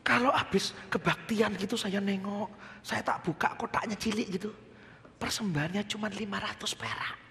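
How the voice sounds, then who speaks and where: A man from Indonesia, preaching a sermon with a personal testimony, swinging between shouts and hushed whispers. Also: high-pitched, creaky, slight background noise. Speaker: pastor. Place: church. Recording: reverberant church hall with faint ambience.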